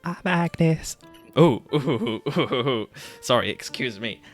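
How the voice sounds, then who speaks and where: Over soft background music, a man gives relaxed gaming commentary in an expressive, mid-range voice, talking a little slowly. He laughs frequently and reads in-game text aloud as he plays.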